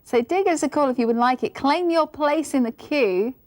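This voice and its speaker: A fairly high female voice selling products live on air, chatting, giggling, and listing prices. The sound is dry and close-miked. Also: fairly quick, a little mellow, no echo. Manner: chatty, giggly, reads out item numbers and prices. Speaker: shopping channel presenter. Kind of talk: live sales presentation. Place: TV studio.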